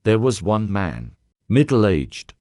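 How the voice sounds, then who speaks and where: A man's voice: on the low side, big pitch swings, takes it slowly, a little mellow, dry recording, clean studio sound. A man voicing a frightened young woman nurse who answers hesitantly. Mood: nervous.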